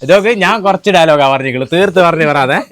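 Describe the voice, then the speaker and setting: A young man with a slightly high voice hosts a prankster video, playfully teasing his family during a birthday surprise. He talks quickly in a teasing, playful way, and crowd noise can be heard.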